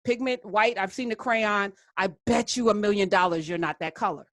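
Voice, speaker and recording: A woman's voice: medium pitch, normal speed, dry recording. An American woman hosting a call-in debate, speaking conversationally in an assertive, challenging way with emphatic repetitions. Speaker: call-in show host.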